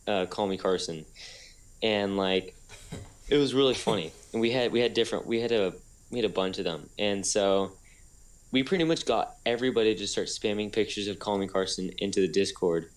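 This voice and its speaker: A man's voice: lowish voice, moderate pace. A young man co-hosting a podcast, telling a story in a rambling casual way with lots of restarts. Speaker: podcast co-host. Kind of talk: casual chat.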